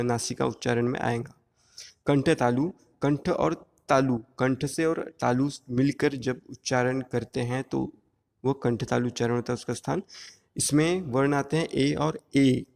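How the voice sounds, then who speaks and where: A man's voice: mid-range voice, creaky, darkish tone. Man teaching with long hall reverb. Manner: explanatory, drawing out sounds one by one. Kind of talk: exam-prep grammar lesson.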